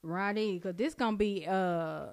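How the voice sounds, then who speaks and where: A woman's voice: mid-range voice, a little slow, darkish tone, no room sound, studio quality. A woman co-hosting a casual chat podcast, blunt and slangy, laughing often. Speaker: podcast co-host.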